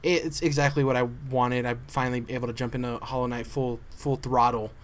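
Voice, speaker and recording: A man's voice: medium pitch, level tone, a little fast. A man co-hosting a podcast in casual chat, chatty and self-deprecating, laughing easily. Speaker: podcast co-host.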